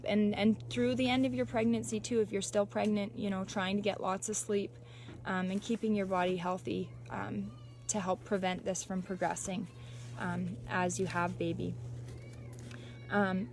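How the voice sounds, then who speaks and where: A woman's voice: medium pitch, a little mellow, a little hiss or hum. A young adult woman talking casually and reassuringly, as a host sharing her experience on a livestream. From Canada. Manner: reassuring, conversational. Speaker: livestream host and mother speaking from personal experience. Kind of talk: casual informal livestream talk.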